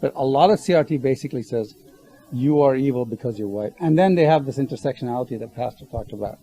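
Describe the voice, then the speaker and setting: A man's voice: mid-range voice, quick pace, dark tone, rough recording. A man who grew up in Ghana, speaking as a guest on a panel discussion. He explains his points earnestly and often stops to correct himself.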